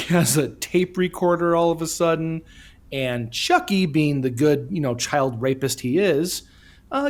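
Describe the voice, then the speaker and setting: A man co-hosting a film review show, casually recapping with halting, repetitive phrasing. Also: a little high. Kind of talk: casual amused movie recap chat.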